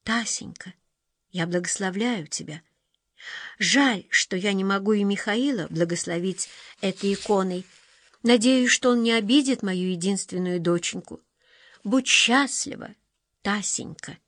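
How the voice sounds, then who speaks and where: A gentle middle-aged mother speaks to her daughter in soft, tender tones in an audiobook, as a woman narrator puts her on. The voice stays close to the reader's own and sounds dry and near. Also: mid-range voice, expressive, measured pace, no echo.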